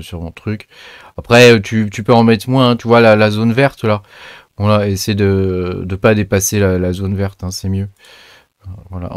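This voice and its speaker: A man's voice: fairly low pitch, dry recording, clean studio sound. A man hosting a casual screen-recorded tech tutorial, loose and chatty, with lots of fillers and slangy asides.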